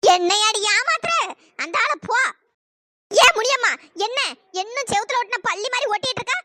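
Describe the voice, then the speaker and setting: A woman's voice: animated, moderate pace, bright, forceful tone, heavily acted. A woman voicing a group of squabbling village women in a cartoon, all whiny scolding banter. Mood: bickering. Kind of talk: cartoon voice acting. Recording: noisy pitched-up processed voice.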